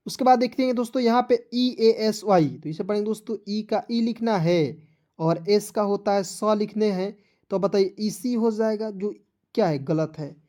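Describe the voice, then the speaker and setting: Mellow-voiced man teaching phonics. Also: high voice, normal speed. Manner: spells words letter by letter, then quizzes viewers; patient, repetitive explaining. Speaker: English teacher. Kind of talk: online phonics lesson.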